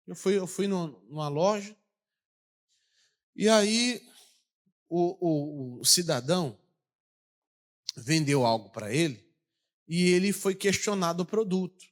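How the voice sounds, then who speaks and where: A man with a Brazilian Portuguese accent preaching a lively sermon, asking his congregation questions as he goes. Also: high-pitched, slow pace, long pauses. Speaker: pastor.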